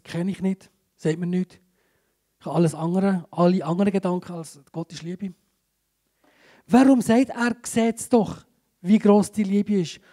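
Emphatic Swiss German preacher man. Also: sits high. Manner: emphatic, swinging between urgent and hushed. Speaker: pastor. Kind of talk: sermon. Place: church service.

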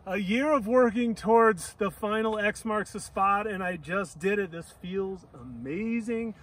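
A man in his forties, an upbeat vlog host and paraglider pilot, talks to a harness-mounted action camera in an open grassy field for a casual outdoor vlog. His voice is high-pitched and measured in pace, enthusiastic as he shouts to the ground crew during launch. The low-quality recording was captured from a distance.

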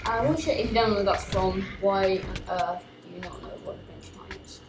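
A young woman, chatting excitedly while recording herself playing a video game. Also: mid-range voice, moderate pace, roomy sound, background noise. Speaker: gamer recording gameplay. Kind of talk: let's play commentary.

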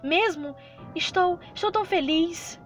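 A woman voicing a sweet but menacing obsessive young girlfriend from a visual novel, in a slow, high, sugary voice. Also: soft background music. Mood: adoring. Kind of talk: reading game dialogue aloud.

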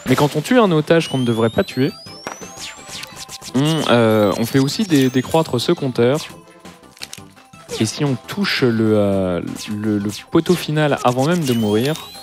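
A man's voice: medium pitch, animated, a little slow, faint music behind. A man commentating a live speedrun, explaining the game's rules with dry jokes.

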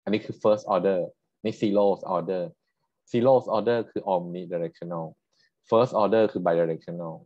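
A university lecturer with a low, warm voice speaks very slowly and with fairly even intonation, explaining technical material patiently. He often adds short tag questions to check students' understanding. The recording is dry and sounds somewhat dull and muffled.

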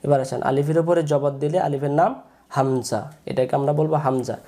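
A man teaching Quran letter pronunciation, repeating syllables slowly, asking and answering his own questions. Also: a little high, steady tone, mellow. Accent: Bangladeshi. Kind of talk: slow drilled pronunciation lesson.

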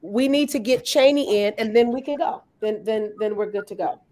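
A woman, founder of the network, briskly organizing speakers on a live video call. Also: medium pitch, darkish tone. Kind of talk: casual chat.

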